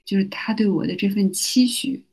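A middle-aged woman with a husky, slightly breathy voice pitched in a mid range, speaking as a podcast guest. She tells personal stories in a soft-spoken, reflective way and often restarts her sentences. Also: normal speed. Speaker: podcast guest, university teacher. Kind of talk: conversational storytelling.

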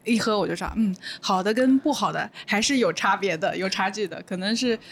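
A woman's voice: medium pitch, brisk, a little hiss or hum. A woman in a casual podcast chat who thinks aloud and hesitates as she talks. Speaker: podcast guest.

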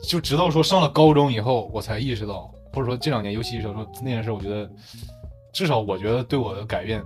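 A young man, co-hosting a podcast and telling a story in a casual, animated way with frequent laughs. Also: lowish voice, quick pace, soft background music. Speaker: podcast co-host.

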